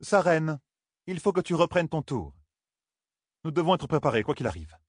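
A man's voice: on the high side, very animated, normal speed, breathy edge, no echo, clean studio sound, voice pushed up. A man voicing a solemn preaching woman. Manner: grave, sermon-like. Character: solemn preaching woman, sister of a secret order.

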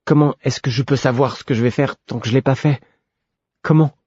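A frightened young boy, defiant yet unsure, as a man puts him on while reading a story. The voice is lifted higher than the reader's own and stays a little husky. The recording is dry and slightly dull. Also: fairly even intonation, a little fast, a little mellow, no echo, lightly acted. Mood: pleading protest. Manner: higher pleading, protesting.

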